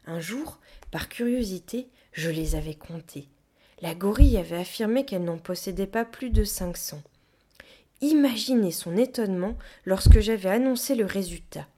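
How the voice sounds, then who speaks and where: Brief: woman narrator for an audiobook, steady and measured, quiet in tense moments. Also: fairly low pitch. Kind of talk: scripted storybook narration.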